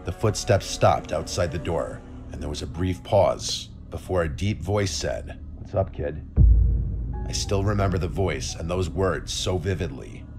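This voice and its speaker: Male horror narrator, very low voice, calm scripted read, soft music underneath. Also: moderate pace, few pauses. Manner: calm, steady storytelling.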